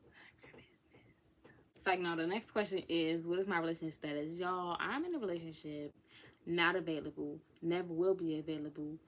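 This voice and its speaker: A woman's voice: fairly low pitch, steady tone, a little fast. A woman of twenty chatting casually in a Q&A vlog, sassy and playful, with whispered asides. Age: 20s. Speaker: vlogger. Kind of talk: casual get-to-know-me Q&A.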